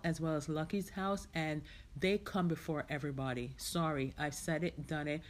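Woman host from Jamaica, middle-aged, casual rambling podcast chat, slightly low voice. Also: darkish tone. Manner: chatty, rambling, heartfelt, many "you know"s.

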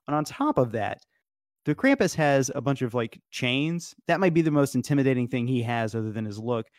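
A man's voice: medium pitch, big pitch swings, a little fast, no room sound, clean studio sound. A man talking casually and at length, rambling with many fillers and restarts, often breaking into laughs. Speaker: podcast guest. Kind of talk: casual debate chat.

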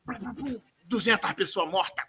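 A high-voiced Brazilian man tears through a comic movie recap, rambling and swearing as he goes. His tone is piercingly bright and tense, and he bursts into shouted gunshot noises. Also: normal speed. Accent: Brazilian Portuguese. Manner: rambling, profane storyteller who shouts sound effects. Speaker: podcast co-host.

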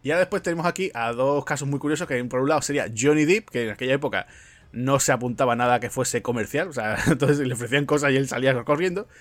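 A man's voice: mid-range voice, fast. Chatty man telling film trivia. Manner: chatty storyteller, frequent fillers and asides. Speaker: podcast host. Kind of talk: casual film podcast chat.

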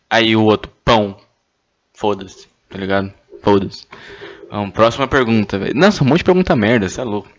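A man's voice: fairly low pitch, normal speed, lo-fi sound. A young man, reading questions aloud and joking, stammering and swearing as he goes. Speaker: streamer reading anonymous questions. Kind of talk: casual chat.

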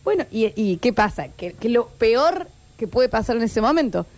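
A woman's voice: on the high side, big pitch swings, moderate pace, darkish tone. Chatty Argentine woman radio co-host. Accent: Argentine Spanish. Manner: chatty, playful storyteller. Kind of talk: casual radio chat.

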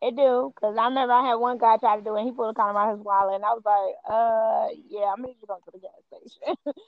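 Casting: woman from Cincinnati, a bit high, frank and laughing, dry dull recording. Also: steady tone, quick pace, dry recording. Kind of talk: casual profane chat.

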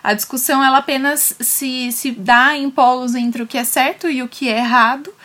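A woman's voice: sits high, normal speed, a bit bright. A woman with a Brazilian accent giving an explanatory academic talk. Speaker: panel speaker on linguistics.

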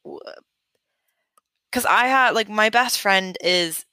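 A woman's voice: medium pitch, slow, pushed and bright, smooth, no room sound. A woman hosting an interview, asking eager, rambling questions in a casual chat.

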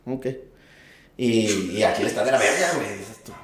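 Mexican trucker telling road stories. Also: male voice, on the low side, moderate pace. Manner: laid-back storytelling, crude slang, acts out other people's lines. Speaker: truck driver guest. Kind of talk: casual podcast chat. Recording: echoey room.

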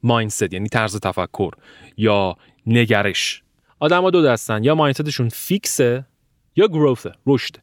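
A man teaching a language-learning course, speaking lively and emphatically. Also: medium pitch, no echo, studio quality. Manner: animated, lively, with emphatic rising pushes. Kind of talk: spoken online course lesson.

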